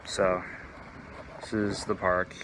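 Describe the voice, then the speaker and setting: A teenage guy with a fairly low voice talks casually to his vlog viewers. He rambles along with plenty of "like" as he walks outside. Clear ambient noise, including vehicles, sits behind his voice. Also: level tone, takes it slowly. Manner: rambling, filler-heavy with "like". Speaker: vlogger. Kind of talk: casual outdoor vlog chat. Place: outdoors in a park, walking.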